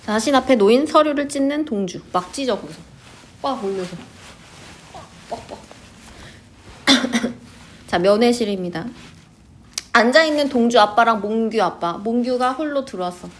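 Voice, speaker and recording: Young female teacher, casual chatty lesson delivery, higher-pitched. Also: animated, moderate pace, long pauses, a little hiss or hum. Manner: chatty, fills with "like" words. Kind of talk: high school literature lesson.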